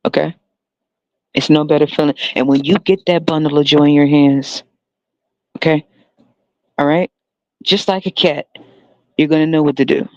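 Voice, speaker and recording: A man's voice: fairly high pitch, fairly even intonation, moderate pace, pauses often, no echo. A man hosting a solo podcast, talking in a heavily sarcastic, mocking way and often laughing. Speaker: podcast host. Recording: dull lo-fi dry recording.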